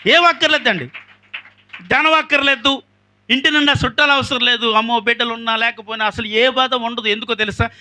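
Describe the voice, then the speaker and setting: A pastor preaching an emphatic sermon, swinging between loud outbursts and hushed passages and calling on the congregation. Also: male voice, very high-pitched, steady tone, a little fast. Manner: asks the congregation questions.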